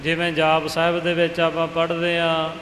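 A man's voice: fairly high pitch, completely flat delivery, a little fast, fairly bright tone, roomy sound, big-room sound, slight background noise, low-quality recording. A man giving a pronunciation lesson for scripture recitation, half-singing his explanations and chanting the examples. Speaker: recitation teacher.

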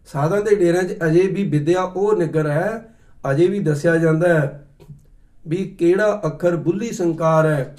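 A middle-aged man giving a sermon, telling stories and explaining recitation slowly. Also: on the high side, a little mellow. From Punjab. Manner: storytelling, acts out quoted voices, slow deliberate explanations. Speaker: Sikh preacher. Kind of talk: katha sermon with anecdotes.

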